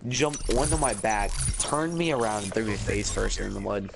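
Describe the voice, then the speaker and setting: Gravelly low-voiced young man chatting. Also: animated, normal speed. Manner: laid-back, filler-heavy. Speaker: gaming friend. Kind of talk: casual chat while gaming. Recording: noisy home game-chat recording.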